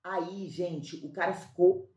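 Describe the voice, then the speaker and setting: A woman from Brazil telling a comic story as a talk-show guest, acting out the dialogue with lively energy. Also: lowish voice, slow, echoey room, lo-fi sound. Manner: animated, acts out quoted dialogue, laughs while telling.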